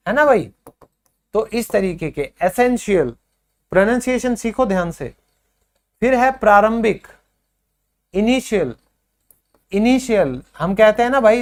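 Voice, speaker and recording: A man with a Hindi accent teaching English vocabulary, repeating each word slowly and quizzing his students. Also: high voice. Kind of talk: spoken English lesson.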